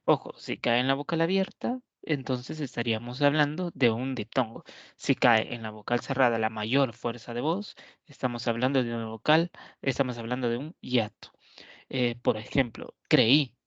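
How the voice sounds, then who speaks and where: A man teaching a grammar lesson to camera, unhurried, with many fillers and self-corrections. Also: mid-range voice, dry recording, dull audio.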